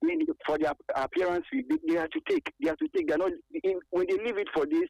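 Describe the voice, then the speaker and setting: A man's voice: extremely high pitch, big pitch swings, fast, vocal fry, darkish tone, dry recording. A man calling in to a radio sports show over a clipped phone line, talking loosely with chuckles and plenty of fillers. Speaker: radio call-in caller. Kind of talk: call-in opinion on a sports show. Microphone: telephone.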